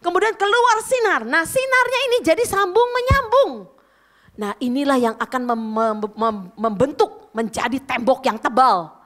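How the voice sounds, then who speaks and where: A woman pastor preaching a sermon in an animated, conversational way, often turning to her listeners directly. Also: sits high, normal speed. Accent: Indonesian.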